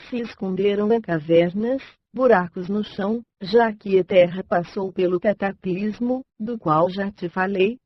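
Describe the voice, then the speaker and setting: A synthesized text-to-speech woman's voice with a Brazilian accent, reading a scripted audiobook in an even, measured way. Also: mid-range voice, no room sound, muffled recording.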